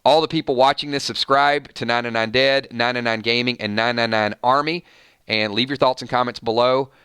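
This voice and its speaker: A man hosting a live fan reaction show, talking in an excited, rambling way with frequent restarts. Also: medium pitch, brisk, clear, resonant tone, no echo. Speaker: channel host.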